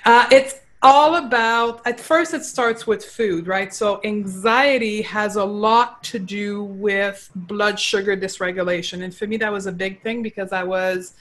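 A woman's voice: mid-range voice, a little slow, few pauses, fairly bright tone, rough recording. French-Canadian woman guest explaining nutrition. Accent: Quebec French. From Quebec, Canada. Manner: earnest, explaining, frequent restarts. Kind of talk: casual interview talk.

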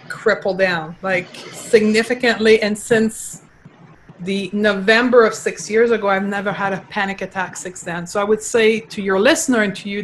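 A woman's voice: mid-range voice, a bit bright, slight background noise, poor audio. A woman from Quebec with a Quebec French accent, a native French speaker, talking as a nutritionist guest in an earnest, explaining way. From Quebec, Canada. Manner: earnest, explaining, frequent restarts. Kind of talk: casual interview talk.

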